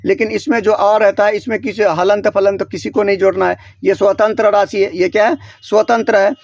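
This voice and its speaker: A man's voice: high-pitched, fairly even intonation, a little fast, vocal fry, no room sound, dull audio. A man teaching a grammar lesson, asking questions and answering them himself, with frequent restarts and self-corrections. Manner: repetitive question-and-answer drilling. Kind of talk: classroom-style grammar lesson. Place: small room beside a board.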